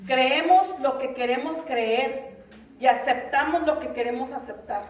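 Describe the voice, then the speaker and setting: A woman's voice: sits high, measured pace. A middle-aged woman giving a Bible lesson to a congregation, earnest and full of rhetorical questions. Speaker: Bible teacher in a church ministry. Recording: roomy echo from a distant mic.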